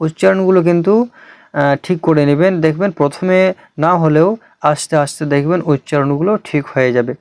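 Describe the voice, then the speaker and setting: Guy teaching quran letters slow and drawn out, highish voice, smooth. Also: darkish tone, no echo. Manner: reassuring, invites viewers to ask questions. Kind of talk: online recitation lesson.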